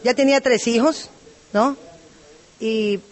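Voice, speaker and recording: A woman's voice: a little high, takes it slowly. A woman from Ecuador with an Ecuadorian accent, giving a talkative, rambling personal testimony at a recovery group meeting. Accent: Ecuadorian Spanish. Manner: talkative and rambling, with many asides.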